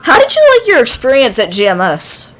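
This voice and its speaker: Woman, 20s, livestream host, chatty, laughs a lot, animated intonation. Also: on the high side, brisk, slight background noise. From Winston, North Carolina. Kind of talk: casual livestream interview.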